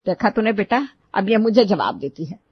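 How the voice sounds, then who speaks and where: A woman voicing a sharp-tongued traditional mother-in-law who scolds loudly in a cartoon story. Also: expressive, moderate pace, slightly rough, no echo. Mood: indignant. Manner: scolding, shrill and loud. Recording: dull lo-fi dry recording.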